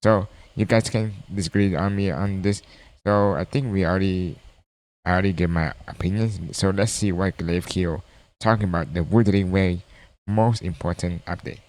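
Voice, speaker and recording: A man's voice: sits low, normal speed, darkish tone. A man with reacting to a video in casual, rambling commentary, blunt and full of restarts.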